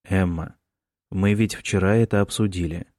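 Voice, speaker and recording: A man's voice: deep voice, fairly even intonation, normal speed, darkish tone, dry recording, clean studio sound, lightly acted. A man reading a weary, practical father.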